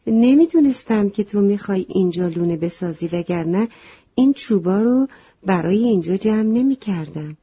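Woman doing a soft-spoken little storybook sparrow, hesitant, mellow and breathy, slightly muffled lo-fi recording. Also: mid-range voice, animated. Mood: worried. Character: little sparrow, young and polite, hopes to build a nest.

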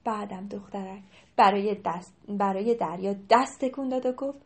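A young woman narrating a children's story, animated and sometimes dropping to a hushed whisper. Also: medium pitch.

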